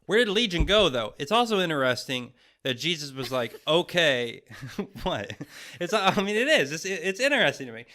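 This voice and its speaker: A man with a bright, forward voice co-hosts a podcast. He talks in loose, joking banter, often breaks into laughter, and tosses off quoted lines in casual put-on voices. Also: on the high side, sing-song, moderate pace. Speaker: podcast co-host. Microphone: wireless headphones.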